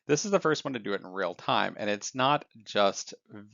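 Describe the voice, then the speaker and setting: A man's voice: fairly low pitch, expressive, normal speed, vocal fry, fairly bright tone, dry recording, dull audio. A man presenting technology news in an explanatory narrating style.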